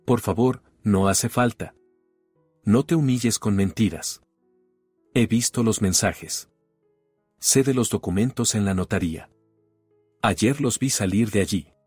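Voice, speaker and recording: A calm, resolute wife who has had enough, speaking in short, cool, final phrases, as a male narrator reads her. The voice sits low and slightly husky, with soft music faint behind it. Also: measured pace, pauses often, dry recording. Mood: firm. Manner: cool, resolute, sparing words. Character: weary wronged wife, calm and firm.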